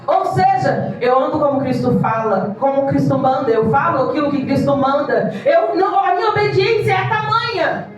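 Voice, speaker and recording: High-voiced woman pastor preaching. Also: normal speed, soft background music. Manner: impassioned, mimics congregants in quoted voices. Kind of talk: evangelical sermon. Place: church hall. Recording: echoey church hall from far off.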